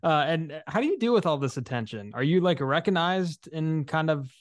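Joking podcast co-host, halting questions. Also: male voice, on the high side, animated, no echo, clean studio sound. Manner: hesitant, restarts questions, jokey. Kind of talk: casual interview chat.

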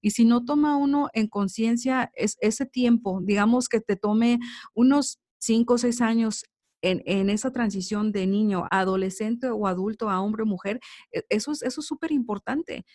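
Entrevistadora cariñosa que le dice amiga a su invitada, tono ligero, conversación casual. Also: female voice, a little high, moderate pace, darkish tone. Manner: friendly and affirming, calls the guest "amiga". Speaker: interviewer. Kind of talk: casual interview chat.

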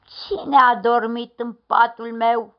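A woman voicing a big, gruff papa bear who grumbles slowly and loudly, in a dull lo-fi recording. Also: mid-range voice, sing-song. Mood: grumbling. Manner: slow loud grumbling.

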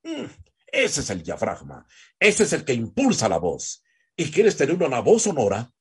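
A man teaching a lecture on voice technique, animated and demonstrative, drawing out vowels as examples. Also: medium pitch, normal speed, breathy edge. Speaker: voice coach.

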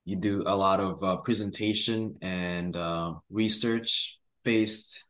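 Low-voiced young man, hesitant. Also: steady tone, slow pace, fairly bright tone. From Rwanda. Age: young adult. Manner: hesitant, many "uh" and "like" fillers. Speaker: guest, university student. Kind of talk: casual interview answers.

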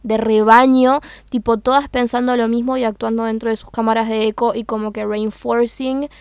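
A young woman who makes memes for a page talks through her thoughts casually, hesitating, hunting for words and filling gaps with fillers. Her Uruguayan Spanish accent comes through in a fairly high, clear and resonant voice with little pitch movement, at a moderate pace in a dry recording.

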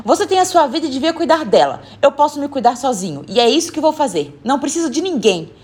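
A woman voicing a stubborn, defiant eight-year-old boy in a read-aloud story, her voice husky and raised well above her own. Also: sits high, expressive, fast talker, pitched above the performer's own voice.

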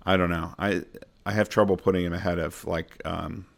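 A man's voice: sits low, level tone, normal speed, vocal fry. A man co-hosting a fantasy football podcast in casual chat, rambling and laughing at his own jokes.

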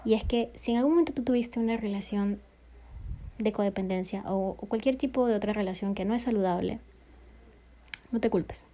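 A woman vlogging about relationships, talking casually and acting out quoted lines with lively shifts in voice. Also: a little fast. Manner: expressive, acts out quotes with shifting pitch and loudness; frequent fillers and self-corrections, laughs often. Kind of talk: casual confessional vlog.

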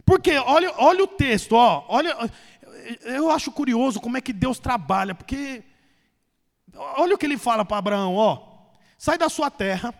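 A man's voice: very high voice, expressive, moderate pace, vocal fry, big-room sound. A man with a Brazilian Portuguese accent, preaching a sermon as a pastor, chatty and joking, then rising to emphatic preaching. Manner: conversational, joking storyteller who rises to emphatic preaching. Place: church.

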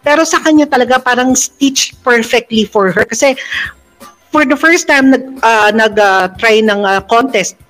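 A man's voice: very high voice, measured pace, fairly bright tone, soft background music, poor audio. A man co-hosting a casual chat show, full of playful, joking banter. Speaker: co-host.

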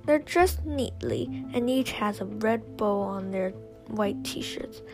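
A woman's voice: medium pitch, takes it slowly, music in the background. A woman reading a first-person adventure story aloud, often dropping to a whisper.

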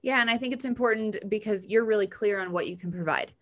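A woman's voice: mid-range voice, quick pace. A woman co-hosting a podcast in casual, enthusiastic conversation, recorded in a bathroom. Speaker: podcast co-host. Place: bathroom at home.

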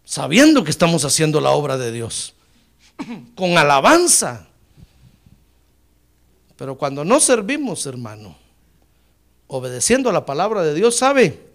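A male pastor delivering a sermon in a high voice that leaps up and down constantly. He swells into emphatic bursts, then drops almost to a murmur, calling out to his brothers in the pews. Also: sing-song, measured pace, pauses often, fairly bright tone. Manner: preaching with sudden surges and drops in pitch and volume; repeatedly addresses listeners as brother.

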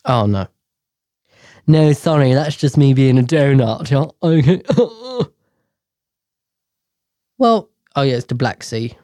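A man casually reading news stories aloud, tripping over words and breaking off into irreverent, swearing tangents. His voice sits at a middling pitch. The recording is dry, with no room sound. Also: animated, unhurried, dark tone, no room sound. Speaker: podcast host.

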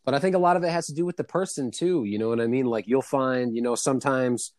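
A man's voice: medium pitch, fast, darkish tone, no room sound, clean studio sound. A man co-hosting a casual chat and giving advice in sweary bro talk, often checking that he is understood. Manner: bro-like, sweary, peppered with 'you know what I mean'.

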